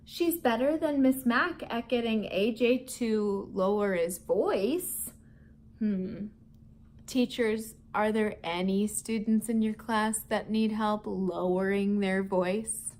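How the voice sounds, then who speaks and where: Taking her time, a woman with a medium-pitched, somewhat mellow voice playfully leads a vocabulary lesson and storybook read-aloud for schoolchildren. She addresses them directly, asks questions, and often chuckles.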